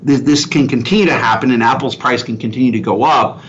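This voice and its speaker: A man giving unscripted financial commentary as a portfolio manager, halting and restarting his phrases. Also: mid-range voice. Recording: dull lo-fi sound, faint noise.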